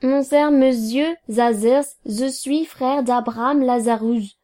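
A woman's voice: high-pitched, steady tone, dark tone. Woman doing a nervous pleading man. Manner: slow, imploring, fawning.

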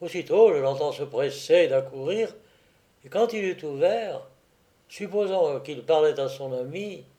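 A man reads a first-person memoir aloud as an audiobook, in a fairly high but mellow voice. His delivery is very slow and deliberate, with the odd hesitant filler. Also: animated. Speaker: narrator.

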